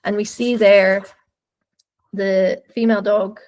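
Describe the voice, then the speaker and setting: A woman's voice: medium pitch, level tone, takes it slowly, darkish tone. A woman dog trainer giving webinar commentary over videos, explaining thoughtfully and searching for words as she goes.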